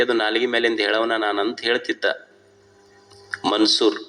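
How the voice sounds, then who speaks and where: A man with a North Karnataka Kannada accent delivering a sermon as a swami, telling stories and slipping English phrases into his talk. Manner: animated, swings from loud high stresses to low quiet asides. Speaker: swami giving a religious discourse. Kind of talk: sermon with storytelling.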